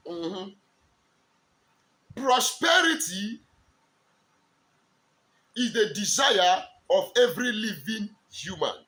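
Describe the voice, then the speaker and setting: Man, Nigerian accent, Igbo speaker, bright voice, emphatic sermon delivery. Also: sits high, expressive. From eastern Nigeria. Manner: slow, emphatic, drawn-out declarations. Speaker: spiritual teacher. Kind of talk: preaching to camera.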